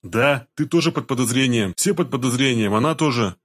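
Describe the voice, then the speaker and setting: A man's voice: mid-range voice, expressive, fairly quick, fairly bright tone. A man voicing a stern, tense security man who speaks tersely. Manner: terse, hard-edged.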